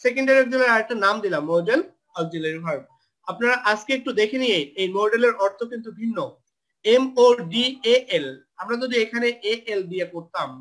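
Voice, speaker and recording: A man's voice: high voice, fairly bright tone. A man teaching a live online English grammar class, explaining step by step, spelling out words and mixing English terms into his Bangla.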